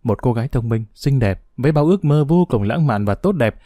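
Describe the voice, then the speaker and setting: A man's voice: mid-range voice, animated, fairly quick, mellow, dry recording, clean studio sound. A man reading a first-person story aloud in an earnest, scripted narration.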